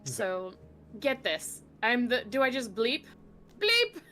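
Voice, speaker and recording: A woman's voice: on the high side, takes it slowly, fairly bright tone. A woman chatting casually on a stream, giggling often as she reacts. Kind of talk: casual chat.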